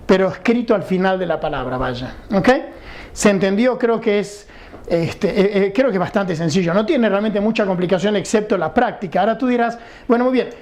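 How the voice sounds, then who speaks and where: A man's voice: sits high, darkish tone. A man giving a recorded English lesson, explaining patiently and often checking that students follow. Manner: patient, explanatory, asks rhetorical questions and checks understanding. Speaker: English teacher.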